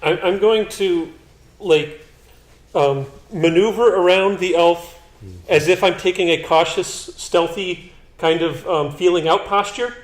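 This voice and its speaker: A man's voice: sits high, unhurried. A man playing a tabletop game, talking casually and thinking his moves through aloud. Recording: echoey room.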